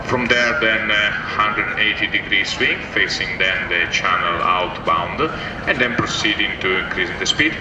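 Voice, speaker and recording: A man speaking as a ship's captain, explaining procedure in a halting, technical way. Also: lowish voice. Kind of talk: explaining a departure manoeuvre. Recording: echoey, distant, noisy room.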